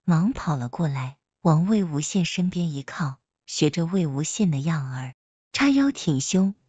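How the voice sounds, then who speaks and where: Woman storyteller, scripted narration, steady reading, low voice, dry close mic. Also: husky, dry recording.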